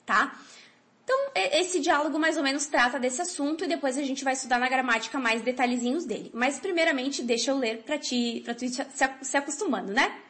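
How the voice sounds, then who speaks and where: Chatty high-voiced teacher woman. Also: a bit bright. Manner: chatty, encouraging, with frequent tag questions. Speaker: Spanish teacher. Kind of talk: online language lesson.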